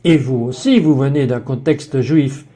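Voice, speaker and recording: Mellow male TV host voice-over. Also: medium pitch, a little slow. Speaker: talk show host. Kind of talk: French dubbed voice-over.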